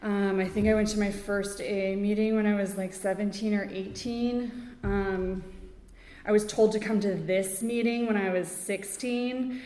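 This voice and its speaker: A woman from Connecticut giving her personal recovery story at a meeting, halting and full of fillers, with small laughs. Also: mid-range voice, steady tone, a little mellow. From Connecticut, USA. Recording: echoey hall with long reverb.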